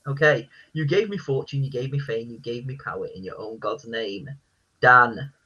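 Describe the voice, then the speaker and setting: A man hosting a casual quiz, reading out lines in a flat, deadpan voice. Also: medium pitch, normal speed, breathy edge, dull audio. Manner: reads lyrics in a deadpan voice. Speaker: quiz host.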